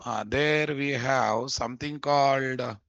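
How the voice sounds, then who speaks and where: A man with a Telugu Indian accent gives an informal live coding lesson, speaking familiarly to learners while repeating phrases and testing their grasp with questions. His mid-range voice has a fairly bright tone and a measured pace. The sound is lo-fi with no echo.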